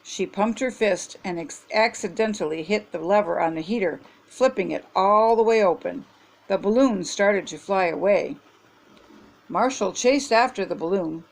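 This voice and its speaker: An older woman hosting her own show, reading a children's picture book aloud in a gentle, animated way. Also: medium pitch, normal speed, vocal fry. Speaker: storybook reader.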